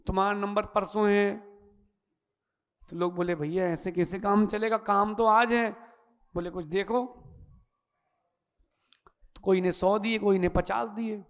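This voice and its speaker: A Jain monk giving a sermon, telling folksy stories and acting out the characters in a lively way. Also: male voice, high-pitched, measured pace, long pauses. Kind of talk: sermon with storytelling. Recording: long hall reverb.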